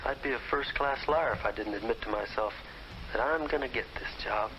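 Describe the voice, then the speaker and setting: A man playing a cocky, envious high school boy musing to himself in an old educational film. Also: a little fast, lightly acted. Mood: smug. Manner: self-assured, scornful. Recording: muffled, noisy old film soundtrack.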